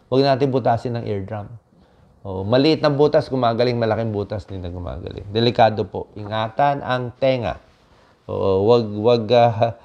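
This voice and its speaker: A man's voice: fairly low pitch, vocal fry, dark tone, muffled recording. A man, a doctor, giving friendly health tips to viewers in a chatty lesson, checking in often with short tag questions. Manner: conversational, repeats tag questions like "di ba" and "okay". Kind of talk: casual health talk to viewers.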